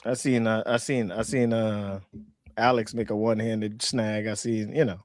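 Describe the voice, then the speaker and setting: A man in his forties co-hosting a sports podcast, talking in a halting, emphatic way with lots of repeated words. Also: lowish voice, flat delivery, a little mellow, no echo. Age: 40s. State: out of breath. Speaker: podcast co-host and referee. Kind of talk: casual sports chat.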